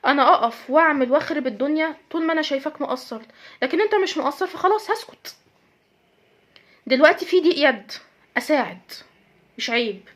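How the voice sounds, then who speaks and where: A fast-talking woman with an Egyptian accent gives direct advice to women, earnest and emphatic. She drives her points home by repeating them, and her voice sits a little high. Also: lively intonation, a bit bright. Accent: Egyptian Arabic. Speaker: host giving advice to women. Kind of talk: direct-address advice talk.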